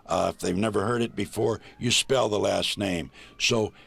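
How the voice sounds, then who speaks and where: A man who is a volunteer reader, chatting easily in an interview and often pausing to find his words. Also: lowish voice, gravelly, fairly bright tone, slightly rough. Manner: easygoing, halting with many pauses. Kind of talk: casual interview chat. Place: small recording booth.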